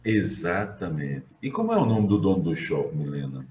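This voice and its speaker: In a low, sing-song voice at a moderate pace, a middle-aged Brazilian teacher lectures his class, drifting into conversational digressions and questioning students. Slight background noise joins the roomy, dull classroom sound.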